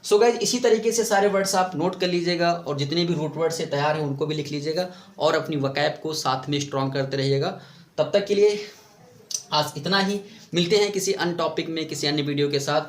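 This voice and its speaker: Speaking on the high side in an echoey room, a man slowly teaches English vocabulary using Hindi and English together, repeating the words and asking his students questions.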